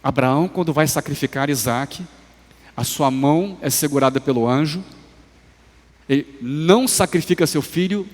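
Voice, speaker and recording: A man with a Brazilian Portuguese accent preaching a sermon in a church. He speaks slowly and measuredly, rising to emphatic swells and then dropping to soft, low phrases. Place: church sanctuary. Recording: livestream with long hall reverb.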